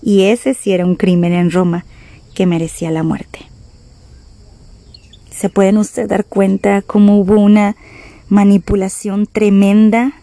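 Warm-voiced woman preaching a sermon. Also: medium pitch, flat delivery, a little slow, long pauses, dry recording. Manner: dramatic emphasis with rhetorical questions to listeners.

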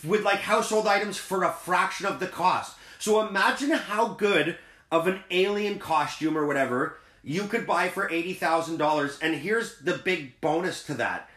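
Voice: medium pitch, normal speed, a bit bright. A co-host in a casual chat, blunt, crude and sarcastic. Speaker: podcast co-host. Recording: echoey room.

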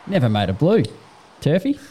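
A man's voice: fairly high pitch, wildly swooping pitch, moderate pace, warm tone. A man hosting a racing show, upbeat and friendly.

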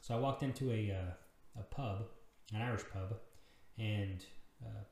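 A man's voice: fairly low pitch, unhurried, gravelly, a little mellow. A man in his thirties hosting a casual solo podcast, rambling and self-deprecating, swearing freely. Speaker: podcast host. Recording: very echoey room.

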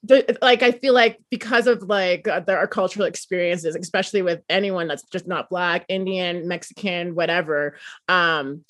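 A woman hosting an interview, chatty and relaxed, giving frequent affirming murmurs. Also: lowish voice, normal speed, no room sound. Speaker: host. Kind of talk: casual interview talk.

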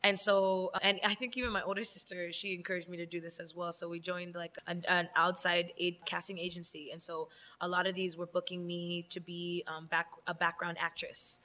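Young adult woman guest, candid and reflective, bright voice with long reverb. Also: on the low side, flat delivery, a little fast, hardly any pauses. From Los Angeles. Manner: candid, laughs often, reflective. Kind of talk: casual interview.

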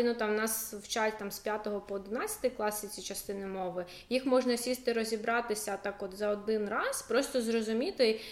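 Chatty woman teacher in an echoey room. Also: a little high. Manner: chatty, loose, with many fillers and asides. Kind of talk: casual explanatory lesson.

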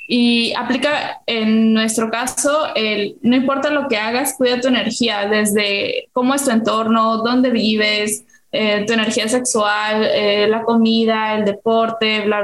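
A woman with a Mexican accent, a podcast guest chatting casually about her consulting work and acting out little example conversations with fillers. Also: fairly high pitch. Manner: chatty, explains with acted-out examples and frequent fillers. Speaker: guest, soft-skills and marketing consultant. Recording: roomy echo.

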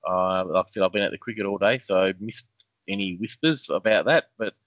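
A man's voice: deep voice, fairly quick, fairly bright tone, no echo. A man co-hosting a casual fantasy football chat, laid-back and jokey with lots of ums. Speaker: podcast co-host. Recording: dull lo-fi sound.

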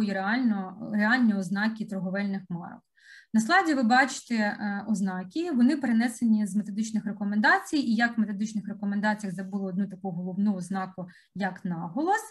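A woman giving an expert presentation with slides, explaining step by step through examples and often pausing on hesitant fillers. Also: medium pitch. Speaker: conference speaker.

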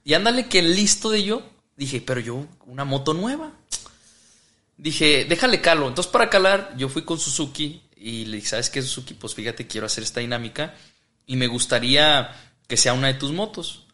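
A motorcycle vlogger appears as a guest, a man with a medium-pitched, expressive, sharp-toned voice at normal speed. Chatting casually, he tells a story, laughs often, and acts out the quoted lines.

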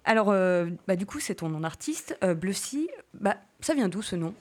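A young woman hosting a radio interview, friendly and relaxed with frequent fillers. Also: medium pitch, moderate pace. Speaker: radio host.

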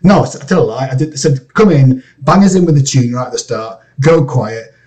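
A Scottish man, a game composer, chatting in an interview, excitable and rambling with many restarts. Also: mid-range voice, a little fast. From Scotland. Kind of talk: casual interview chat. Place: home studio area, lives in LA.

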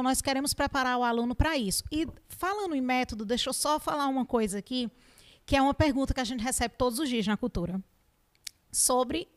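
A woman English teacher with a Northeastern Brazilian accent, giving animated interview answers full of examples and rhetorical questions. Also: fairly high pitch. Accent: Northeastern Brazilian Portuguese.

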